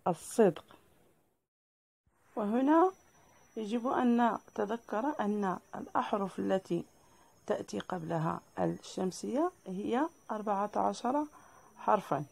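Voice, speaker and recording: Moroccan woman teaching, slow and deliberate. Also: mid-range voice, expressive, creaky, a little mellow, husky. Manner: slow, deliberate spelling-out of examples. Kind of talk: classroom lesson explanation.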